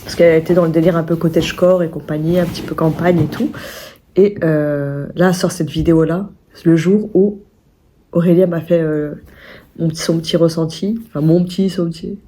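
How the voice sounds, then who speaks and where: A woman's voice: deep voice, steady tone, moderate pace, dark tone, slight background noise. A young woman vlogging at home in a rambling, chatty way, full of restarts and fillers. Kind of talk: casual vlog chat. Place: at home indoors.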